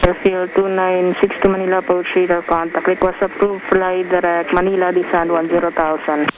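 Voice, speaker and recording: Female air traffic controller, flat mid-pitched delivery, procedural radio instructions, heavy static. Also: brisk. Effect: air traffic radio transmission. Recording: muffled radio with loud static.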